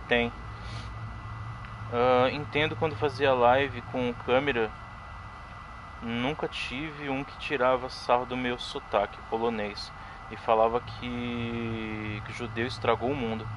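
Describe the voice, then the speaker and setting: With a mid-range voice and measured pace over background noise, a young Brazilian man streams a horror game in a Brazilian Portuguese accent. His casual live commentary is chatty, with thanks to followers and sudden excited yelps.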